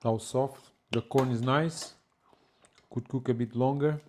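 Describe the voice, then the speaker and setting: Man, mid-pitched, casual home-cook demo, halting with fillers. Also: slight background noise. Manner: relaxed, halting, with many fillers. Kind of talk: casual cooking demonstration.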